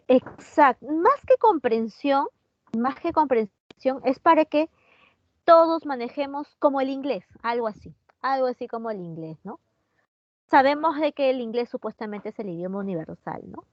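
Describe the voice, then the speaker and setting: A Peruvian woman with a Peruvian Spanish accent teaches an online chemistry class in a chatty way, often quizzing her students and replying to their comments. Her voice is a little high with a darkish tone, and the recording is muffled with no room sound.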